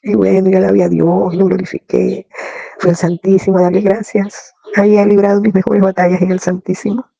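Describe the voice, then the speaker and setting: Woman, faith testimony, fervent, prayerful, gravelly, dark mellow tone, dry close sound. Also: medium pitch, level tone, a little fast, no room sound, highs cut off. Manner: fervent, prayerful, repeats praise phrases.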